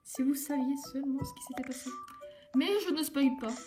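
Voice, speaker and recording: A young woman hosting a let's play, rambling and giggling as she comments on her game, with a very high voice. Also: a little fast, music in the background. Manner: animated, rambling, self-talking with giggles. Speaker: gaming channel host.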